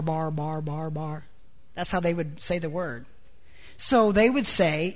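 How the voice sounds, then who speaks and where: A woman preacher delivering a sermon emphatically, posing rhetorical questions to the congregation and repeating words as she builds each point. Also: mid-range voice.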